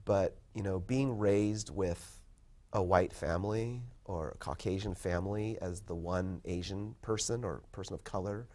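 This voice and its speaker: A man in his fifties, a poet and professor, talking in a casual interview, thoughtful and modest, pausing often with ums and restarts. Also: sits low, mellow. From born in Korea, raised in California. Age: 50s. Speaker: poet and college professor, guest.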